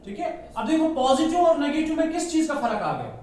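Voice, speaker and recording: A male teacher with a fairly high voice lectures a class, walking through each step and pausing to quiz his students. He slips English phrases in among his sentences. The sound is echoey and distant, as if taken from the back of a classroom, with faint noise behind. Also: very animated, a little mellow. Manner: explains step by step, asks the class questions and has them answer. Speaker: maths teacher.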